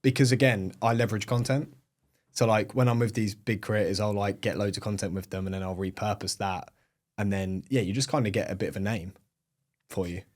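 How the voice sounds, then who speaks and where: As a podcast guest, a young agency owner from England talks briskly in a fairly low, darkish voice with fairly even intonation. His British-accented speech is relaxed and chatty, crowded with "like" and "um".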